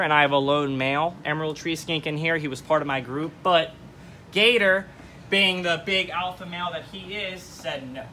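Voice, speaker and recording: Young male tour host, slightly high, forceful bright voice, informal and enthusiastic, indoor showroom with background noise. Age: young adult. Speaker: host giving a shop tour. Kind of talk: casual informal tour narration. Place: indoor showroom full of terrariums. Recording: clear background noise, terrarium room ambience.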